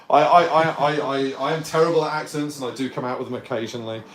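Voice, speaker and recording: A man's voice: medium pitch, fairly even intonation, fast. A man streaming a tabletop wargame from home, chatting to viewers and explaining the rules as he plays. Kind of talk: casual live-stream game commentary. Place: warm home apartment, indoors. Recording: roomy sound, distant mic, faint noise.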